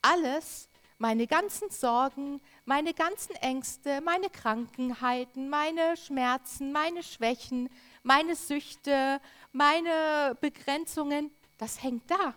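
A woman preaching a sermon, earnest and emphatic, with drawn-out repetitions. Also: high-pitched, fairly bright tone.

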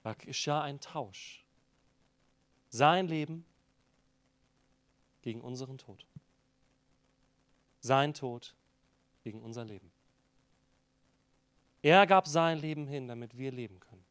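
A man preaching a sermon to a congregation, rising to loud, emphatic peaks and dropping to hushed phrase endings. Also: medium pitch, slow pace, pauses often, clear, resonant tone, dry recording. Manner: addresses the congregation directly.

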